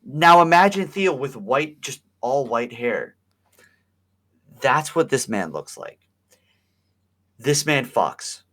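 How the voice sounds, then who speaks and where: A man hosting a casual podcast chat, joking and laughing often. His voice is bright and his pitch swings a lot. He talks fast at times and slows to drag out a punchline. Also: expressive. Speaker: podcast host.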